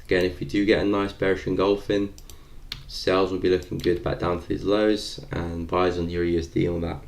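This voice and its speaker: Speaking a little fast, a young man from London muses aloud casually, as though commentating a live stream, in a very deep voice with a gravelly, creaky texture. A little hiss or hum can be heard.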